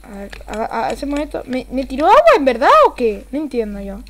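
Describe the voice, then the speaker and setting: A young woman with an Argentine accent streams her gameplay live, her voice pitched high and bright. She talks excitably, drops low to mutter and then bursts into yells, and swears casually. A faint hiss sits under her voice. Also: brisk. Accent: Argentine Spanish. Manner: excitable, swings from mutters to yelling.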